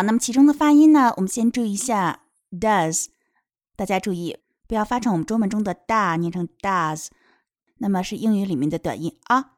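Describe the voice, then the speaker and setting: A woman with a mid-range voice teaches a children's picture book in a bilingual read-aloud lesson, recorded at studio quality with no echo. She reads each line aloud and patiently explains the pronunciation step by step.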